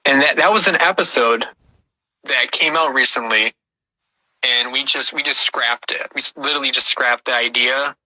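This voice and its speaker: A man's voice: medium pitch, moderate pace, bright, forceful tone, no room sound, poor audio. A man hosting a casual podcast about puppets, telling stories with frequent restarts. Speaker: podcast host and puppet creator.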